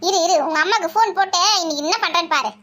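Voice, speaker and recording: A woman playing a nagging shrill mother-in-law. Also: pushed and bright. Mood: taunting. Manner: scolding, taunting, quick retorts. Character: nagging sharp-tongued mother-in-law, middle-aged woman. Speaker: mother-in-law in a family skit. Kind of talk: village family comedy skit.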